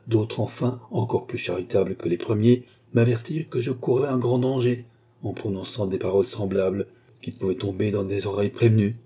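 A man's voice: on the low side, a little fast, warm tone, slightly rough. A man reading the part of a young woman of fallen noble birth, telling her grim childhood in an earnest, grave, plaintive way for an audiobook. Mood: sorrowful.

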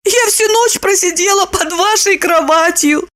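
A woman voicing an excitable, indignant young woman in an audiobook, with a squeaky, shrill, insistent delivery. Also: unhurried. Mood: guilty. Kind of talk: audiobook character reading.

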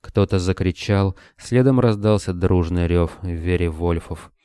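A man narrating an audiobook in a steady, measured reading. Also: low-pitched, clean tone, no room sound, clean studio sound.

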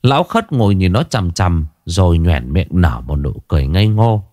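Expressive male horror storyteller. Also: sits low, normal speed, no room sound, clean studio sound. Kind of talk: scripted horror narration.

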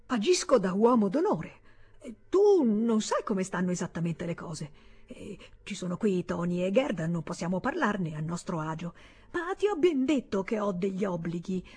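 A woman reading aloud voices an indignant middle-aged man who stubbornly defends himself in a raised, husky voice. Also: mid-range voice, very animated, normal speed, darkish tone. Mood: defensive.

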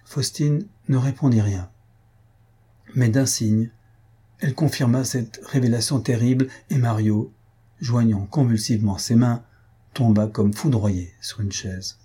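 A man narrating a classic novel as an audiobook in a measured, steady reading. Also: mid-range voice, husky.

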